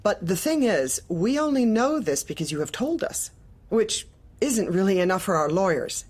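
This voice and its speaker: In a darkly comic audio drama, a woman plays a manipulative, officious corporate manager, her bland politeness hiding a veiled threat. Her mid-range voice swings widely in pitch at a moderate pace, slightly mellow, and she sounds politely insistent.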